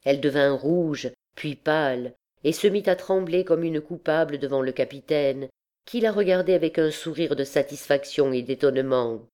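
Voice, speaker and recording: A woman narrating an audiobook in a measured, expressive reading. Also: low-pitched. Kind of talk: scripted narration.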